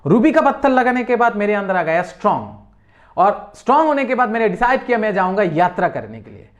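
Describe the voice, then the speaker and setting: A man's voice: sits high, quick pace. A middle-aged man with an Indian accent teaching a memory trick as a story, quizzing listeners and repeating key words. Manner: lively call-and-response, repeats key words, quizzes the viewer. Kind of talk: storytelling mnemonic lesson.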